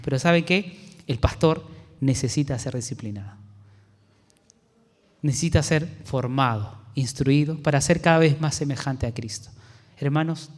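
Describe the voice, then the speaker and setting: A man with a Peruvian accent preaching a sermon as pastor, earnest and turning soft when he tells a personal story. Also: fairly high pitch. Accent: Peruvian Spanish. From Peru. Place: church sanctuary. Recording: long church hall reverb.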